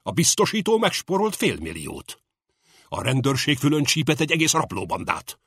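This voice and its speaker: A man narrating an audiobook in a lively, expressive reading. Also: a little high, husky, dry recording.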